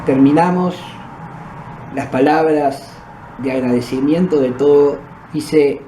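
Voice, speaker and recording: A man's voice: fairly high pitch, steady tone, slow, dark tone. A man with a Uruguayan accent, the host of a podcast, telling his own paranormal experiences in a conversational way. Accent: Uruguayan Spanish. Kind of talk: first-person storytelling of paranormal experiences. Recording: echoey room with background noise.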